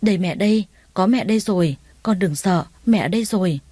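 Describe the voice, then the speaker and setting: A woman's voice: mid-range voice, fairly quick, warm tone, slightly rough, no echo, close to an everyday voice. Woman voicing a doting older mother-in-law. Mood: soothing.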